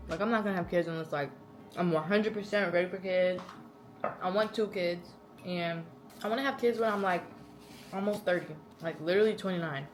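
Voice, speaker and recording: A woman's voice: lowish voice, brisk, poor audio. Playful young woman chatting over music. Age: early 20s. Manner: animated, slangy, playful. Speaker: content creator hosting a Q&A. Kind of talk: casual chatty Q&A.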